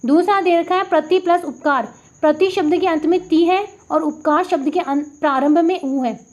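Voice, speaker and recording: A woman's voice: very high-pitched, a little mellow. A woman tutor with a Rajasthani Hindi accent, explaining grammar examples one sound at a time and pointing out each one as she goes. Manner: patient, step-by-step, repeats sounds slowly and points at the board. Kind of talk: classroom lesson explaining examples. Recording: dull lo-fi audio.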